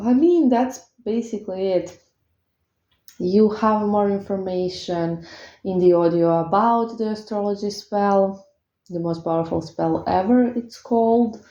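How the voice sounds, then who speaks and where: Lowish, creaky and mellow, this woman's voice comes through dull lo-fi audio in an echoey room. She's a tarot reader from Croatia with a Croatian accent, casually and hesitantly chatting to her viewers with many fillers.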